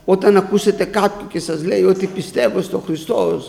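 A male preacher delivers a sermon, repeating phrases for emphasis and weaving in scripture. His voice sits high and has a gravelly edge. The room around him is echoey. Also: fairly even intonation, warm tone. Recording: roomy echo.

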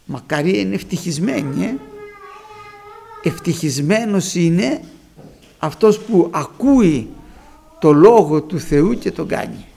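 A man preaching a sermon, emphatic, rising to high loud peaks as he addresses the congregation. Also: expressive, creaky, long pauses.

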